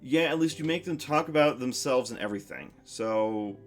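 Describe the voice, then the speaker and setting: Soft music plays as a young man chats on his stream, thinking out loud and often restarting or filling gaps. His masculine voice is medium-pitched and animated, moving at a normal speed through his rambling, reflective talk.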